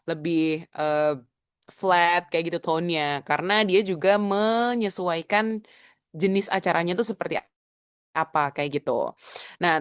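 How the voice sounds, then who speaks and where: A woman's voice: medium pitch, a bit bright, clear, resonant tone, no room sound, clean studio sound. A young adult woman, a public speaking coach, teaching a casual webinar lesson over a video call. She mixes in English phrases and demonstrates vocal techniques.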